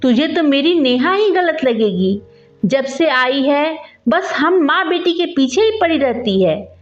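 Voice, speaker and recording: A shrill, sharp-tongued mother-in-law from a storybook, scolding at the top of her voice, as a woman narrator puts her on. The voice is slightly dull, with soft music behind. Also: big pitch swings, slow, reverberant, heavily acted. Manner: shouting, scolding.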